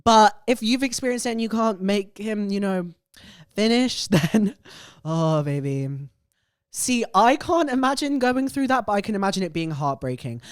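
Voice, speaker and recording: A woman's voice: mid-range voice, normal speed, clear, resonant tone, no room sound, studio quality. A young woman hosting a casual, chatty show, gleefully gossiping and reacting emphatically, often repeating phrases for effect. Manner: gleefully gossipy, animated and opinionated. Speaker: show host.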